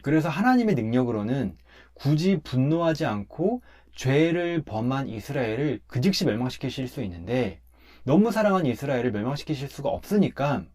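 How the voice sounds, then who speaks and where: A man who is a pastor goes through a Bible passage step by step, emphatic but relaxed and conversational. His pitch is medium and he talks fairly quickly.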